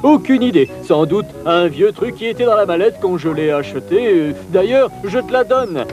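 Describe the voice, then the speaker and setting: A man voicing a brisk snowman peddler in a children's cartoon, with an offhand salesman's patter. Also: high-pitched, animated, highs cut off, over music. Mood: dismissive.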